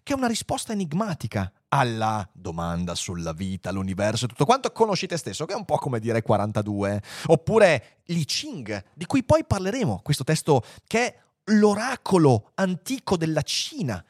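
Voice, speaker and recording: A man's voice: a little high, huge pitch swings, moderate pace, hardly any pauses, dry recording, clean studio sound. A man reading a passage aloud and then commenting on it in an amused, conversational lecture style. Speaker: lecturer on philosophy and literature.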